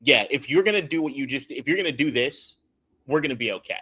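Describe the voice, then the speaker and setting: Animated, bright-voiced man breaking down game film. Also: mid-range voice, fast talker, slightly rough. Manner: animated, swears, laughs, repeats and restarts words. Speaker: podcast co-host and film analyst. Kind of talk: casual sports podcast chat.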